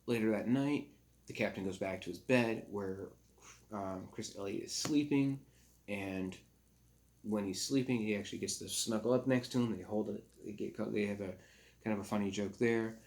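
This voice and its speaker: A man with a somewhat low voice talks through a film's plot in a loose, casual review. He rambles and stops to correct himself often, with plenty of fillers along the way. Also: darkish tone, a little hiss or hum. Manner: rambling, halting, with frequent fillers and self-corrections. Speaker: movie reviewer. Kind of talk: casual spoken movie review recap.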